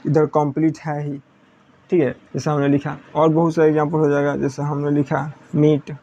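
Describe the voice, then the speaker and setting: A man explains English pronunciation like a classroom teacher, going over each point several times and quizzing his listeners before he gives the answer. His voice is gravelly and mellow and sits a little high for a man. The recording is dull and lo-fi, with a faint hiss behind him. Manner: repetitive, asks students questions then answers.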